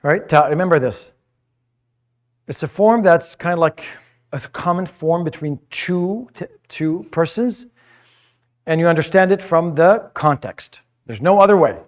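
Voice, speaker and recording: Male teacher, fairly high voice, patient classroom lecturing that stumbles over repeated words. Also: animated, measured pace. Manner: patient, repeats words while searching for phrasing; mixes English explanation with Arabic vocabulary. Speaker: Arabic teacher.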